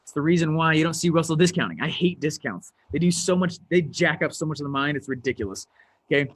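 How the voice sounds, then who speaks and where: A man giving a motivational online presentation as a business coach, energetic and emphatic, speaking straight to his audience through a computer mic. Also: on the high side, fast, breathy edge.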